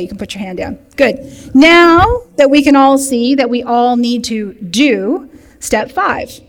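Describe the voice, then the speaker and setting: A woman leading a recovery group, teaching in a lively way and speaking directly to the room with humor. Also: on the high side. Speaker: recovery program leader. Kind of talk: sermon teaching. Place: church meeting room. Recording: long hall reverb.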